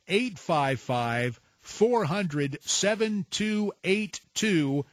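A man opens a talk radio show in a formal announcer's style. His voice is high and deliberately paced, recorded close and dry. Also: no room sound. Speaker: guest radio host.

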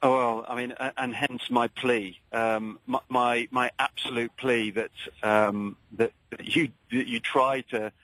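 A man with an English accent calling a radio show, earnest and polite, speaking in hesitant, halting phrases. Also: mid-range voice, steady tone, a bit bright, no echo, poor audio. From England.

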